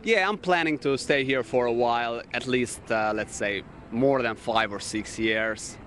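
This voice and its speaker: A man's voice: medium pitch, measured pace, a bit bright. A man from Albania with an Albanian accent, co-hosting a casual talk show in a city park, filling his speech with "you know" and "uh". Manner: many fillers, "you know" and "uh". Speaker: co-host. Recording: faint outdoor city noise.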